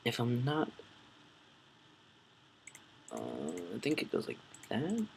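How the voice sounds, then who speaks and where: A man's voice: mid-range voice, animated, takes it slowly, creaky, a little hiss or hum. A young man hosting a gaming channel, rambling and correcting himself as he comments on his play and talks to viewers.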